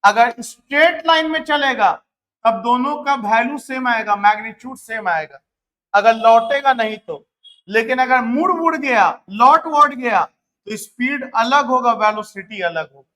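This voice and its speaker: Guy teaching a physics class, bright high voice, asks the class stuff then answers it himself, says numbers twice. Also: expressive. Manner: slow, repeats key numbers, asks students questions then answers; motivational asides to students.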